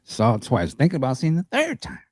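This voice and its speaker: A man's voice: mid-range voice, huge pitch swings, quick pace, a little mellow, dry recording, clean studio sound. A man on an online music talk panel, talking in a laid-back, rambling way with easy laughs. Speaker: co-host panelist. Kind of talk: casual podcast chat.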